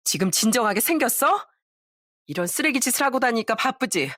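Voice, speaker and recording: A woman voicing a furious betrayed wife who shouts sharp accusations at her cheating husband in a story drama. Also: fairly high pitch, sing-song, a little fast, no room sound, clean studio sound, voice pushed up.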